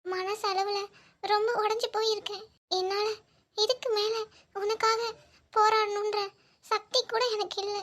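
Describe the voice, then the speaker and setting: A heartbroken young woman in love, voiced by a woman for a cartoon, speaking in a very high, thin voice. She talks in long, emotional, pleading runs, sensitive and proud. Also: steady tone, normal speed, pauses often. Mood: pleading, sad. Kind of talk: cartoon voice acting.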